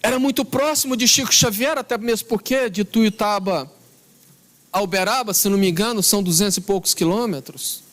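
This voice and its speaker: A man with a Brazilian Portuguese accent lectures on spiritism, his voice high-pitched with a fairly bright tone. He narrates a story with earnest emphasis, stretching out key words.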